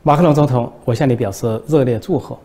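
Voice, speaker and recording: A man's voice: mid-range voice, fast, mellow, natural voice. Man doing a bumbling, blame-shifting party boss. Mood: evasive. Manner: stumbling over words, deflecting blame. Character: bumbling evasive male national party leader.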